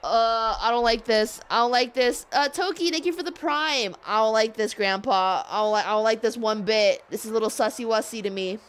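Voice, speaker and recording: A woman's voice: fairly high pitch, a little fast, hardly any pauses, clean tone. A woman streamer giving playful, rambling live commentary while playing a game. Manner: playful, rambling, laughs often.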